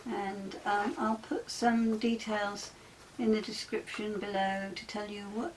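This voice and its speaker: A woman hosting a casual crafting tutorial, soft-spoken and chatty with frequent ums, often dropping to a near whisper while she works. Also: mid-range voice, level tone, measured pace, a little hiss or hum, low-quality recording.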